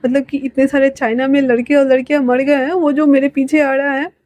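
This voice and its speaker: A woman's voice: little pitch movement, fairly quick, darkish tone, no echo, close to an everyday voice. A woman voicing a panicky, whiny young man who half cries as he frets. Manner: whining, half crying, high-pitched.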